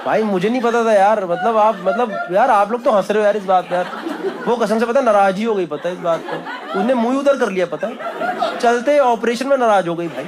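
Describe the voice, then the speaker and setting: A man's voice: high voice, fairly quick, noisy background. A man performing stand-up comedy on stage, telling a story conversationally and acting out the other people in it. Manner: conversational, acts out quoted voices. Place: comedy stage before a live audience. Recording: live show, loud audience laughter. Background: crowd laughing.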